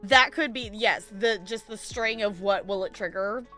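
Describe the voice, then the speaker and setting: At a moderate pace, a woman with a medium-pitched, sharp-toned voice chats casually with her livestream viewers. She thinks aloud in a rambling way while faint music plays behind her.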